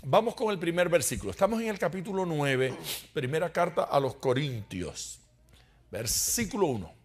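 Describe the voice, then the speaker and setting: A man's voice: fairly high pitch, sing-song, moderate pace. A man teaching a Bible study in sermon style, asking the congregation rhetorical questions and adding humorous asides. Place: church.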